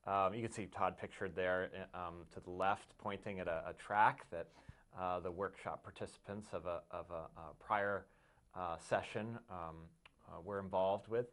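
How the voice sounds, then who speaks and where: Low-voiced man, halting and measured. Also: steady tone, a bit bright. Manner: halting, measured delivery with many pauses. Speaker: interview guest from a conservation group. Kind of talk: informational interview talk.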